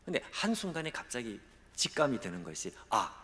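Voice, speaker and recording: A man as a guest pastor preaching a sermon, telling a dramatic story and acting out the quoted voices, at times dropping to a hush. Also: medium pitch, big pitch swings, a little fast. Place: church sanctuary. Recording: long hall reverb.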